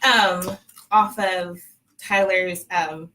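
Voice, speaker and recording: A woman's voice: lowish voice, fairly even intonation, takes it slowly, rough recording. Chatty, laughing Texan woman. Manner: warm, laughs often, chatty storytelling. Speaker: fertility clinic staffer sharing her story. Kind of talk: casual chat on a live stream.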